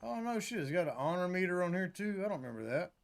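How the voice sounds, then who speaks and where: A man's voice: sits high, expressive, fast. A man casually commenting on his own game playthrough, joking, swearing and muttering to himself.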